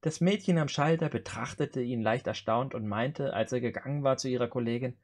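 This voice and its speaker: A man's voice: medium pitch, brisk. Man reading out jokes as host. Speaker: host of a joke challenge. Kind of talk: reading out jokes in German on a video call show. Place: indoor room on a video call.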